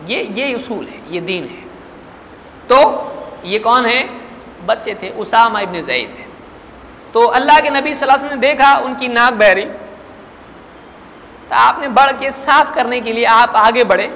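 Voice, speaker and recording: A man's voice: very high voice, lively intonation, bright, forceful tone. Man preaching in an echoey hall. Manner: recites Arabic hadith slowly, then explains in conversational speech; rhetorical questions to the audience. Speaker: religious preacher. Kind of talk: Islamic sermon. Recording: echoey hall, faint background noise.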